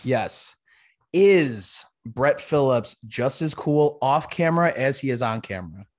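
A man's voice: medium pitch, animated, a little slow. A man hosting a podcast from a home office, asking questions in a friendly way, with stumbling restarts and lots of "you know". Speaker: podcast host. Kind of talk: casual interview. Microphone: headset mic.

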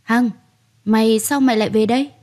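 A woman's voice: on the high side, fairly even intonation, brisk, darkish tone, lightly acted. A woman doing a stern old grandmother.

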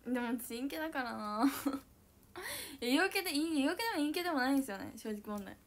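A young woman with a high, bright voice and a chats casually with viewers on her livestream. She is bubbly and giggly, and she talks loudly. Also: animated, fast talker. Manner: giggly, bubbly, frequent laughter; self-describedly loud voice. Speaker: idol livestreamer. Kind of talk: casual chat reading viewer comments.

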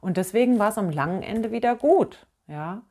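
A middle-aged woman speaks casually and candidly to her viewers in a voice of middling pitch. She is animated and blunt, drops slangy words and breaks into laughter often. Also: moderate pace. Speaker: inspirational vlogger. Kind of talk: casual spoken monologue.

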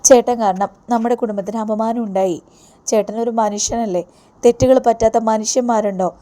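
A woman's voice: on the high side, mellow, lightly acted. A woman voicing a devoted young woman who forgives her brother, speaking earnestly.

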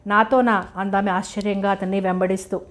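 A woman narrating a novel as an audiobook in a steady, measured reading style. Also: mid-range voice.

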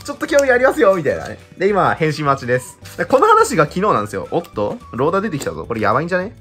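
A man in his twenties chatting casually and excitedly while opening trading-card packs, laughing often. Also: fairly high pitch, very fast, soft background music. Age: 20s. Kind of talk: casual chat while unboxing.

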